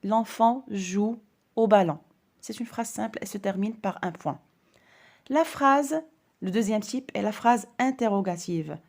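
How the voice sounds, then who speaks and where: A woman's voice: mid-range voice, a little slow, a little mellow. A woman teaching a grammar lesson to primary school children, speaking carefully and stressing each example sentence.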